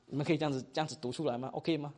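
一位马来西亚口音的男讲道老师在课堂上授课，说话生动随意，句尾常带"哈"。. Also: male voice, a little high, rapid-fire. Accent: Malaysian Mandarin. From Malaysia. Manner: animated, chatty, ends phrases with 哈. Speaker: preaching instructor. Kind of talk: classroom teaching.

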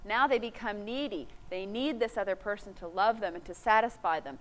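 A middle-aged woman teaching a sermon, earnest, quoting scripture and acting out quick asides. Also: medium pitch. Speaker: Bible teacher. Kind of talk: sermon talk.

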